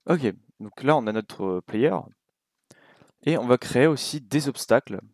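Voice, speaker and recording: A young man with a French accent giving a relaxed, casual coding tutorial at his computer, thinking aloud with many fillers and asides. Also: medium pitch, a little slow, no echo, studio quality. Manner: relaxed, talks while clicking, many fillers and little asides. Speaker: game development tutor.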